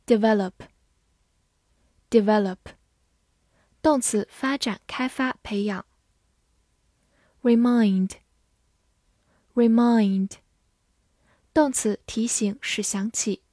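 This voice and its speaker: A woman teaching English vocabulary in a scripted lesson. She says each English word twice, clearly, then explains it. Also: a little high, fairly even intonation, very slow, long pauses, mellow, no room sound, clean studio sound.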